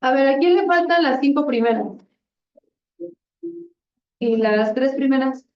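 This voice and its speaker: A woman's voice: high voice, a little slow, slight background noise. A woman teaching a Spanish conjugation drill in a classroom, patient and encouraging and often praising answers. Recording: roomy, distant and dull classroom sound.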